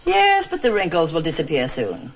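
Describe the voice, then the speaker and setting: A woman's voice: low voice, huge pitch swings, moderate pace, loud music behind the voice, full character voice. An actress playing a meddling, haughty witch grandmother who talks theatrically and teases condescendingly, in 1960s sitcom style. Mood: doting.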